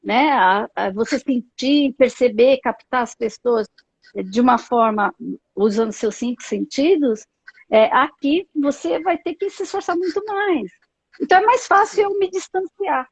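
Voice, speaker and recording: A woman's voice: sits high, unhurried, husky, no echo. A woman psychologist with a Brazilian Portuguese accent, talking thoughtfully on a live video call with many fillers and tag questions. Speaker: psychologist guest. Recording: dull lo-fi video call audio.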